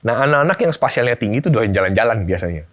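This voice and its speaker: A man's voice: medium pitch, racing. A middle-aged man, a guest on a family talk show, chatting casually and acting out family conversations as he tells stories. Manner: animated storyteller, acts out family dialogue. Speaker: guest speaker on family life.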